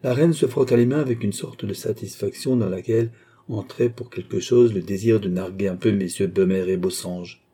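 A man narrating a classic novel as an audiobook in a measured, even reading. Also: lowish voice, husky.

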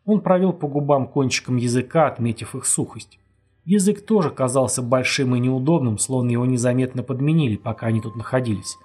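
A man reading an audiobook with steady, dramatic narration. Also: mid-range voice, brisk, husky. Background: faint music.

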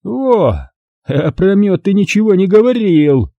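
A man voicing a brutal, loud army brigade commander who talks harshly and threateningly in an audiobook. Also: on the high side, big pitch swings, brisk, husky, dry recording, phone-quality sound, voice pushed up. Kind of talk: audiobook character voice.

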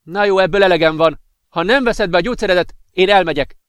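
A worried young woman, her voice lifted high and strained as she begs and pleads, performed by a male reader. The sound is close and dry. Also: fairly bright tone, clean tone, dry recording. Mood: distressed. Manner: pleading, pained. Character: worried young blonde woman, caring girlfriend.

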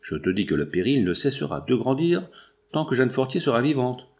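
A man reading the part of a scheming wealthy man who speaks with hushed, tense urgency. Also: mid-range voice, sing-song, brisk, pitched above the performer's own voice. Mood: anxious. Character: scheming wealthy middle-aged man, fearful.

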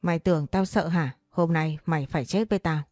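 A woman's voice: low voice, brisk, no room sound, close to an everyday voice. A woman voicing a jealous, threatening young woman in a read-aloud story. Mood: frantic. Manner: threatening, shouting.

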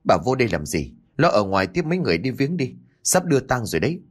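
A man's voice: mid-range voice, sing-song, fast, husky. A man reading the part of a stern, protective older brother who talks bluntly and gives orders. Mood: curt. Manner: blunt, commanding.

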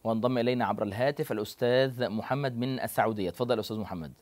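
A man's voice: mid-range voice, very fast, darkish tone. A man hosting a religious call-in TV show in a studio, asking polite questions and taking calls. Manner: brief affirming interjections, polite questions. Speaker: TV host.

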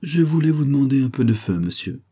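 A man's voice: mid-range voice, big pitch swings, a little fast, dark tone, slightly rough, pitched above the performer's own voice. A man voicing a cunning young man who poses as a servant and speaks in a sly, insinuating way, in an audiobook. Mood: knowing.

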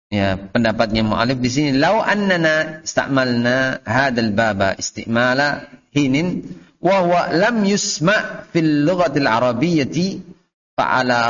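Man teaching in a dull recording. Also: mid-range voice. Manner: reads Arabic text slowly, then explains and quizzes students. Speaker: teacher of Arabic grammar. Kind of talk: classroom lesson.

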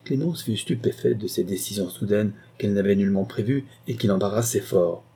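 Male audiobook narrator, even and unhurried, mellow husky tone. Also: lowish voice. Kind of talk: scripted narration of a novel.

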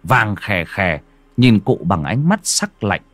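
A man narrating a ghost story theatrically, dropping to a hush and rising sharply. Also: fairly low pitch, big pitch swings, slow pace, a little hiss or hum. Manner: theatrical, swings from hushed to loud.

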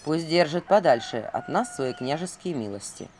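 A woman's voice: low voice, animated, normal speed, darkish tone, a little hiss or hum, voice pushed down. A woman voicing a grumpy, jealous male owl sidekick with a grumbling, sardonic manner.

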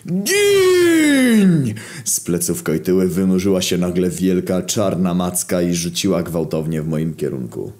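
A man reading a crude comic story aloud in a deadpan, profane narrating manner. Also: low-pitched, normal speed, few pauses.

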